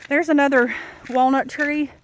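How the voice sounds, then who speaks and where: A woman with a highish voice chats to her viewers in a candid, folksy ramble. She is walking outdoors along a rural road, and light noise sits behind her words. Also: steady tone, normal speed. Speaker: vlogger. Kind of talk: casual chatting walking vlog. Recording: noisy outdoor country recording. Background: clear outdoor noise.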